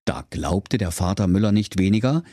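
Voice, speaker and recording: A man's voice: deep voice, expressive, normal speed, dark tone, dry recording, clean studio sound. A man narrating a comic fairy tale in a playful storyteller tone. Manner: storyteller tone, playful, addresses children.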